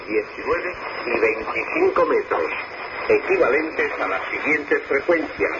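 A male announcer reads out a formal station identification in a measured, precise way, his pitch moving in a lively way. He comes through fading shortwave radio, muffled and dull. Loud static hisses behind him. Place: radio studio.

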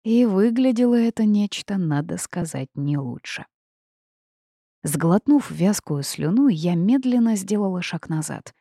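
A woman with a mid-range voice narrates a first-person audiobook, telling the story in a measured, expressive way. The studio sound is clean, with no room sound at all.

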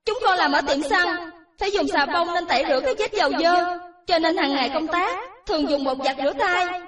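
An excitable young woman cashier in her twenties, put on by a woman narrator, talks in a high, pleading voice. She sounds a bit distant from the mic, with an echoey room around her. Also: brisk. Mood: excited. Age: 20s. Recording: roomy echo, distant from mic.

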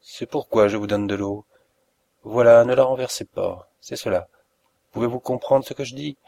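A man voicing a cruel, mocking middle-aged villain in an audiobook reading, with a gravelly, husky voice and a slow, deliberate delivery. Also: medium pitch, warm tone, no room sound, natural voice. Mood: gloating. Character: cruel sneering male planter, middle-aged, gloating.

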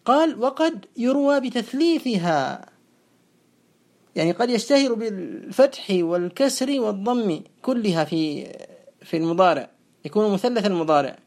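A teacher gives a methodical classroom lecture on a grammar poem. The voice sits at a middling pitch and slows down to spell out each verb form, repeating it several times. It often puts a question and then answers it. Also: expressive, darkish tone. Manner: asks questions and answers them itself. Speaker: teacher of Arabic morphology.

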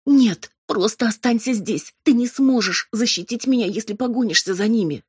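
A woman's voice: moderate pace, husky, no room sound, clean studio sound. A woman voicing a frightened, pleading young woman. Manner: high, urgent, pleading.

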